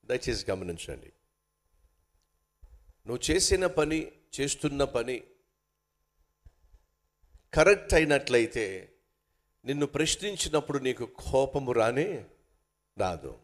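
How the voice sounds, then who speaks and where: A man's voice: mid-range voice, big pitch swings, slow pace, pauses often. A man from India preaching a sermon. He addresses his listeners as sisters and brothers and acts out angry quarrels in raised voices. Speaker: pastor.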